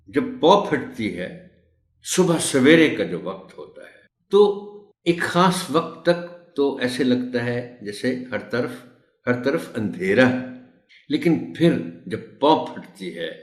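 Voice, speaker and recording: A man's voice: medium pitch, roomy sound. A man training teachers in a recorded tutorial, reciting a poem with careful rhythm and patiently explaining how words are pronounced.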